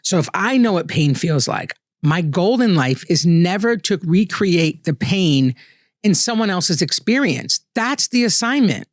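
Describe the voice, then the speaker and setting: A man's voice: sits high, animated, unhurried, dry recording, clean studio sound. A man hosting a solo podcast, talking in an earnest, conversational way and often checking in with "right?". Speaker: podcast host. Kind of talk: reflective solo monologue.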